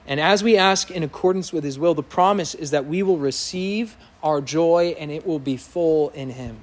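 Preaching a sermon in church, this pastor speaks at a moderate pace with a loud voice that's somewhat high for a man. His delivery is earnest and emphatic, rising toward impassioned peaks.

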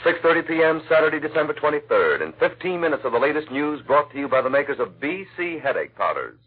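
A man's voice: on the high side, sing-song, fast talker, slightly rough. A man with an American accent, speaking as an old 1940s radio announcer in a scripted sponsor introduction. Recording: tinny vintage 1940s radio broadcast.

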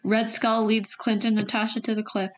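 A woman's voice: mid-range voice, flat delivery, moderate pace, dull audio. A woman narrator reading out scripted scene action and stage directions.

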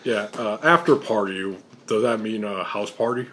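A man's voice: on the low side, moderate pace, a bit bright. A young American man hosting a podcast as a casual, informal interview, calling his guest bro and man. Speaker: podcast host.

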